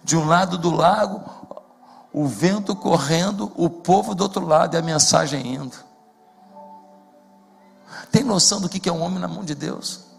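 Fervent high-voiced carioca pastor. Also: male voice, moderate pace, vocal fry, pauses often, husky. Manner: fervent, swelling to shouted climaxes. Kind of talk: sermon. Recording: echoey hall with faint music.

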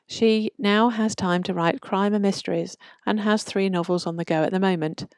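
A woman hosting a podcast, reading short fiction and author bios in a measured, deliberate way. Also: mid-range voice, steady tone, no echo.

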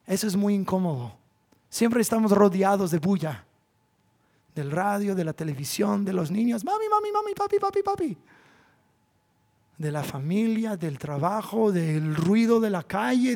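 A man, a pastor preaching a sermon in church, swinging from loud, drawn-out appeals to hushed asides. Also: high-pitched.

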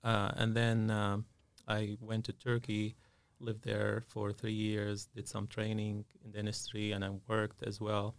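A man's voice: lowish voice, completely flat delivery, unhurried, hardly any pauses, smooth, no echo. A man, a dentist talking as a guest in a podcast studio, hesitant and full of fillers. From Syria. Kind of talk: casual interview.

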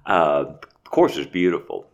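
A race director talks plainly about his event in a calm, matter-of-fact way. His voice is very deep and low in his chest. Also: moderate pace, dull audio. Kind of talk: casual interview.

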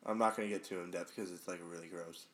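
A young man with a fairly low voice that sounds nasal and congested, as if his nose is running. He talks as a podcast guest in loose, blunt, sweary banter with friends. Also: fairly even intonation, quick pace, fairly bright tone. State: stuffed-up runny nose from a cold. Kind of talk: casual chat.

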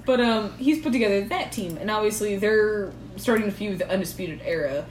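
Speaking briskly at a medium pitch, this woman co-hosts a podcast, casually discussing wrestling in a giggly, rambling way full of fillers. The shared recorder picks up an echoey room and background noise.

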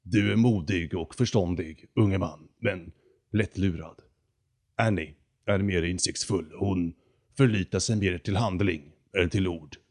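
A man voicing a deep, hoarse, arrogant condor. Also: a little mellow. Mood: haughty. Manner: slow, haughty, lecturing. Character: arrogant giant talking condor, male.

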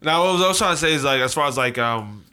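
Bright-voiced American man hosting, halting delivery. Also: mid-range voice, expressive, smooth. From United States. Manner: halting, repeats words. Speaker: host. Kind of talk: casual discussion.

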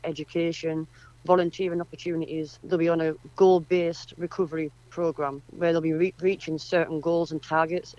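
On a conversational radio interview, a community project representative with a Durham accent from northeast England explains things earnestly. She has a low, slightly mellow voice, captured in lo-fi sound.

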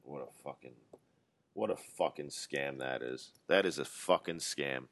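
A man's voice: very deep voice, measured pace, vocal fry, fairly bright tone. A man in his twenties rambling through a solo casual monologue, ranting and swearing freely as he talks. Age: 20s.

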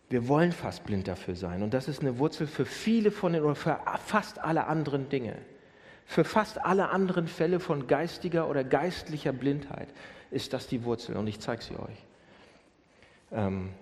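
A fairly high-voiced man preaches a sermon, firing off rhetorical questions and repeating his key lines. He climbs to near-shouts at his strongest points. His voice rings with a long reverb through a large church hall. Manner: animated, rising to near-shouts when voicing Jesus.

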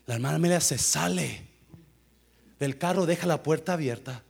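A middle-aged man, a pastor, telling a story in a sermon with lively sound effects and English phrases mixed in. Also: a little high, moderate pace, vocal fry, husky.

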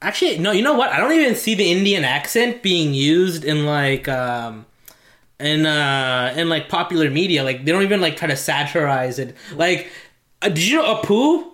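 Man, podcast co-host, casual banter, profane, excitable, slightly high voice, echoey room. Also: normal speed. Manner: profane, excitable, laughs often.

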